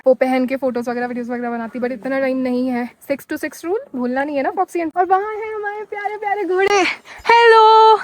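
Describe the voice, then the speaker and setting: Standing outdoors on a snowy mountain pass, a solo motorcycle travel vlogger from Himachal Pradesh addresses her viewers in a chatty, excitable way. She's young, her voice is high-pitched with a Pahari-accented Hindi, the handheld-camera recording catches her slight breathlessness from the altitude.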